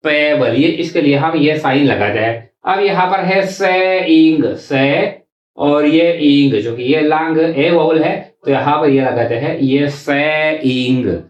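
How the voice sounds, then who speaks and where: A man teaching a shorthand class, speaking slowly and repeating example words syllable by syllable. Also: a little high, dull audio. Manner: slow and repetitive, drawing out example words syllable by syllable. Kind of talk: classroom lesson explaining while writing. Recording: echoey room.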